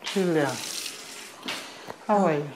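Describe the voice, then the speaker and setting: A woman's voice: sits low, takes it slowly, noisy background. An actress with a Nigerian accent playing a devout middle-aged mother who lectures her married daughter. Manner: preachy, lecturing. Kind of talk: film acting.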